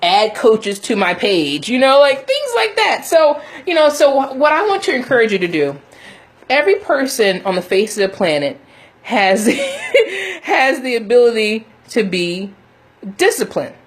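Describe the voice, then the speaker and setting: A woman's voice: on the high side, very animated, moderate pace. A woman giving a casual, motivational livestream talk in a chatty, emphatic way, often checking in with her listeners. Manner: chatty, emphatic, laughs often, punctuates with "okay?" and "you know". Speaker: motivational faith coach, livestream host.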